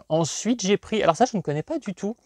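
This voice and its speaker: A man's voice: sits high, lively intonation, brisk, a little mellow, no room sound. Rambling man with a dry sound. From northern France. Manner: rambling, digressive, hesitant with many fillers. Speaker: collector vlogger. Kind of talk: casual chat.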